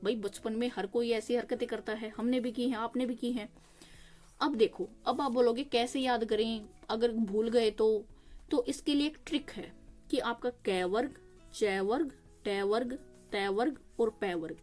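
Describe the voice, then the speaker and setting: A young woman teaching exam-prep grammar, explaining patiently, asking and answering her own questions and slowly sounding out each consonant. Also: on the high side, a little mellow, soft background music.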